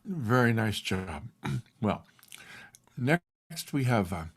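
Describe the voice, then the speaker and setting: A man hosting an online music session, introducing the next act in a halting way with fillers. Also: mid-range voice, sing-song. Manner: halting, with fillers and throat clearing. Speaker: host. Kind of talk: casual introductions on a video call. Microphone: video call.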